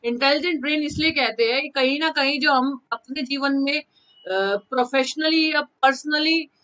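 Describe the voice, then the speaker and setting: Bright high-voiced woman teaching. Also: steady tone, normal speed, poor audio. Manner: mixes Hindi and English terms, repeats key phrases; addresses students by name from chat. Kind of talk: live online class.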